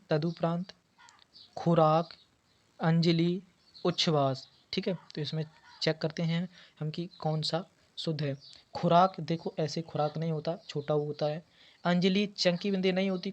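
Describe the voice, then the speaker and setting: A man teaching an exam preparation lesson, going through quiz answers and patiently repeating key words. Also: a little high. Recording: dull lo-fi audio.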